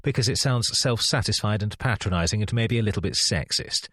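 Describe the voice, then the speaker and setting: Narrator playing a keen book-loving husband, friendly and teasing, a bit above his low register. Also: a little fast, no echo, clean studio sound. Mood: gently teasing. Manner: enthusiastic, gently teasing. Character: warm enthusiastic young husband, sociable book lover.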